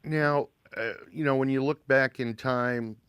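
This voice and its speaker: A man's voice: mid-range voice, steady tone, measured pace, a bit bright, clean tone, no room sound. A man hosting a talk show, interviewing a guest and repeating words hesitantly as he frames his questions.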